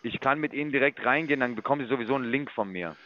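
A man's voice: medium pitch, very fast. Condescending man on a dull phone line. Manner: condescending, lecturing. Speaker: investment sales caller. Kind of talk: phone sales call.

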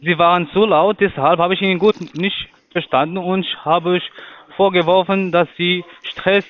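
A man from Portugal, working as a call center agent and speaking halting, broken German in a long-winded way. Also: high-pitched, fairly even intonation. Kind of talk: phone sales call. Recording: tinny phone line.

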